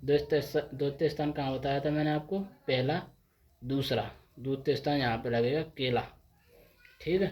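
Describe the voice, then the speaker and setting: A man's voice: medium pitch, steady tone, normal speed, a little mellow. Guy teaching shorthand, mid voice, keeps repeating and asking then answering himself. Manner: repetitive, asks and answers his own questions. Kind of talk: board lesson explaining step by step.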